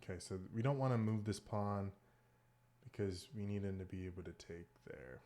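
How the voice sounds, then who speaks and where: A man thinking aloud as he plays online chess, muttering moves and often dropping to a hushed near whisper. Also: low-pitched, normal speed. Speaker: chess streamer.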